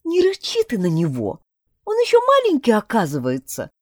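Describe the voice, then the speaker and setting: Female reader doing a tart little female pet, quiet high voice, storybook. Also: wildly swooping pitch, moderate pace, no echo, studio quality.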